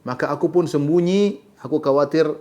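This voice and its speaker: A middle-aged man giving a religious lecture, reciting short Arabic passages and then explaining them in an animated storytelling way. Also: fairly high pitch, brisk. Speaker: Islamic teacher.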